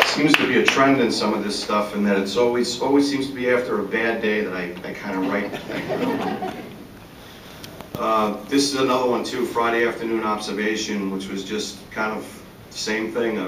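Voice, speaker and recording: Low-voiced man reading poems in an echoey hall. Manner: halting, filler-heavy asides between measured recited verses. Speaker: poet reading his work. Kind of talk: live poetry reading with spoken introductions. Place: large public atrium. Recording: echoey hall, distant, faint rumble.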